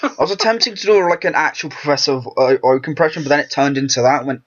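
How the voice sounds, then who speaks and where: A man's voice: on the high side, animated, fast talker, a bit bright. A man hosting a let's play, chatting casually and rambling while he plays. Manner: rambling, self-interrupting chatter. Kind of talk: casual gameplay commentary. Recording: dull lo-fi recording.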